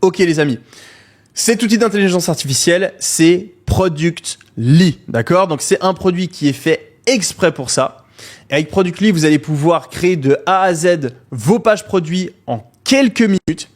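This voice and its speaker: A man's voice: high voice, moderate pace. A man hosting a live online course, talking energetically to viewers in the chat, with frequent hesitations. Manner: excited, calls out to viewers; many fillers and hesitations. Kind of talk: energetic live webinar pitch.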